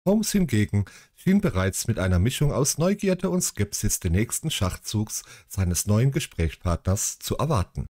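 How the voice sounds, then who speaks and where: Guy reading a bedtime story, super low voice but lively, dry close sound, keeps joking around. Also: normal speed, hardly any pauses, no echo. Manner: chatty, sarcastic digressions.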